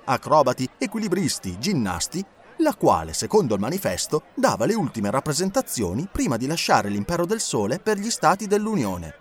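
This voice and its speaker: A man reading a novel aloud as narrator, in an expressive, lilting way. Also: mid-range voice. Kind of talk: audiobook reading.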